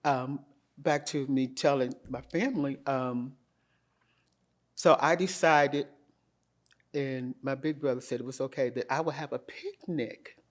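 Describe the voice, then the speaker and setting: Animated woman telling her story. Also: very deep voice, measured pace. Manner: lively, animated, quoting herself with emphasis. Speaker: interview guest. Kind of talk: candid storytelling.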